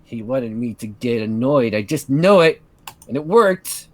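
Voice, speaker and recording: A performer voicing a prim young woman who is bitter and stewing in a foul mood, with low, clipped, sneering delivery in an amateur voiced story reading. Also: animated, unhurried, no room sound, lightly acted. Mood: indignant.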